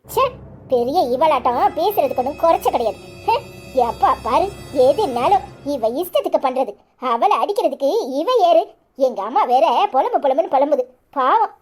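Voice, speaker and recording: Woman doing a sharp-tongued village wife, kanyakumari tamil accent, high voice, swoops all over while she scolds. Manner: scolding, shrill, sarcastic. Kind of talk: cartoon voice acting.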